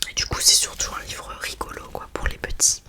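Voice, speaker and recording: Whispering woman, soft library-style ASMR. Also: brisk. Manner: casual, hesitant, chatty. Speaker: ASMR host presenting children's books.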